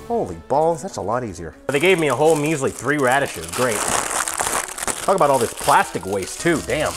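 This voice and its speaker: A man's voice: mid-range voice, big pitch swings, moderate pace, over loud music. A young man, a little drunk, chatting casually with wry, grumbling asides as he hosts a cooking vlog. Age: young adult. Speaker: vlog host reviewing a meal kit. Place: indoors, home kitchen. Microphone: lapel mic.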